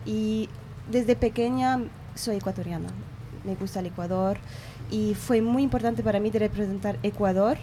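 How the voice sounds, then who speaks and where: A young woman from Belgium, a non-native Spanish speaker, answering interview questions slowly and haltingly. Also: mid-range voice, warm tone. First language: not Spanish. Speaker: interview guest. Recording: faint background noise.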